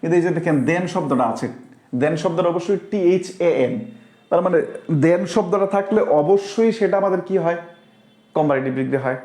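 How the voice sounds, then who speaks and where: A man leads a live online grammar class and keeps checking that his viewers understand, reading out their comments as they come in. His voice sits a little high for a man. The room around him has a clear echo. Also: normal speed, warm tone. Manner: explains step by step, often asks the class if they understood; reads out viewers' comments and answers them. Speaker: online English teacher.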